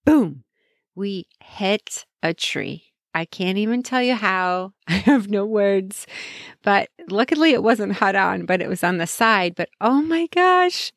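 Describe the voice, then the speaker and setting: A woman's voice: medium pitch, dry recording. A middle-aged woman hosting a motivational podcast, telling stories in an upbeat, chatty way with frequent laughter, close to the mic. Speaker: podcast host. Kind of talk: casual motivational podcast chat.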